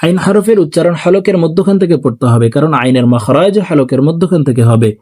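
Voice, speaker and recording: High-voiced man teaching Quran recitation. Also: lively intonation, a little mellow. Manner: explains rules quickly, then recites verses slowly and drawn out; has viewers repeat after him.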